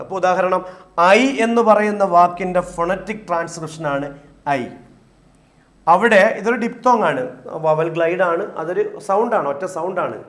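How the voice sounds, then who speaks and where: A man's voice: high voice, reverberant. A man teaching an exam-prep lecture, repeating points and asking and answering his own questions.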